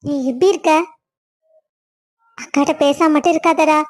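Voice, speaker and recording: A woman's voice: high-pitched, steady tone, moderate pace, darkish tone, lightly acted. A woman voicing a sorrowful elder sister in a cartoon story, pleading tearfully. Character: sorrowful elder sister, longing for her brother.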